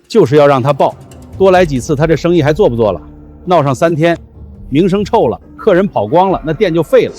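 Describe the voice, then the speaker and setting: A man's voice: on the high side, expressive, a little fast, a little mellow, slightly rough, soft background music. A man playing a scheming, oily restaurant villain, sly and smug, in a short drama.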